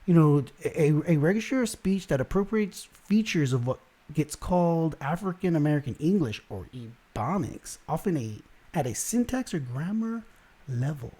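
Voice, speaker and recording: A young man from South Texas runs through online headlines in a loose commentary show. His voice sits a little high for a man but sounds mellow and warm. He rants in an animated, exasperated way and keeps breaking off and restarting his sentences. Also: normal speed, slightly rough. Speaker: host.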